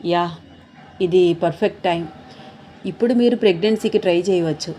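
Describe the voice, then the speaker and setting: A woman's voice: lowish voice, a little fast, warm tone, a little hiss or hum, lightly acted. A woman voicing a kindly woman gynecologist who speaks frankly and encouragingly.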